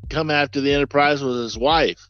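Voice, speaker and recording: A man co-hosting a casual podcast who talks in a relaxed, hesitant way and often gropes for names. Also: a little high, fast talker, lo-fi sound. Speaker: podcast co-host. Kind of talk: casual chat.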